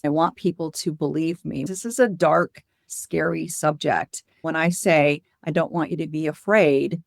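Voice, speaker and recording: Low-voiced woman, candid and explanatory. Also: dry recording, clean studio sound. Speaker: interview guest, hospice nurse and educator. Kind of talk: conversational interview answers with anecdotes.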